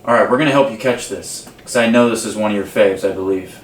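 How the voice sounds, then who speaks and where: Low guy player, easygoing, kinda far from the mic, room echo. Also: fast. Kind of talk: casual tabletop play. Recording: distant from mic in an echoey room.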